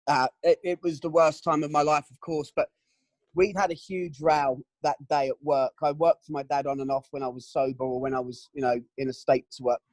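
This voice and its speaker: A middle-aged man giving candid, emotional testimony in an interview, often pausing with "um" and "you know". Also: fairly high pitch, flat delivery, a little mellow, no room sound, rough recording. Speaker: interview guest.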